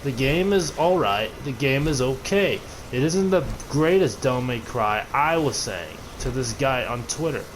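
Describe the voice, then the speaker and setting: A man's voice: medium pitch, lively intonation, a little slow, hardly any pauses, a little hiss or hum, rough recording. A man ranting casually about a video game, rambling and cursing, often restarting his sentences. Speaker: gaming video creator. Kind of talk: casual gaming rant.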